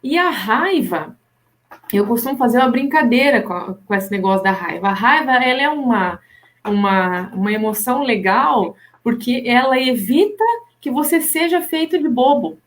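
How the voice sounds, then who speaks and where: A woman, a hypnotherapist in a casual live chat, explaining lively and acting out what people say. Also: normal speed. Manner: animated, acts out imagined people's lines with pitch jumps.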